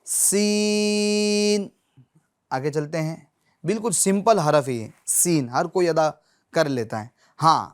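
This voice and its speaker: A man teaching Quran recitation who says each letter sound slowly and loudly, again and again, and stops often to check that his students are following. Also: high-pitched. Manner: patient, checks in often with short confirmations. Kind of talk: Urdu lesson on pronouncing Arabic letters.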